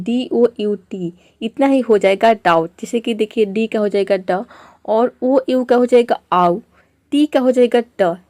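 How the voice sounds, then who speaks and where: A woman's voice: on the high side, darkish tone, no echo. A woman from India teaching an online lesson, explaining patiently step by step and mixing English words into her Hindi.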